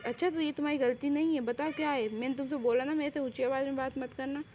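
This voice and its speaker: Young woman playing a haughty rude woman boss, scolding, high voice, lo-fi recording. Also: steady tone, quick pace, a little hiss or hum, natural voice. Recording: dull lo-fi recording.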